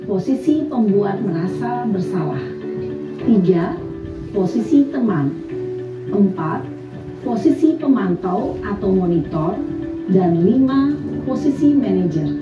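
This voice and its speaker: A woman reading scripted educational narration as the presenter of a lesson. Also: mid-range voice. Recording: echoey, slightly distant, music behind. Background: music.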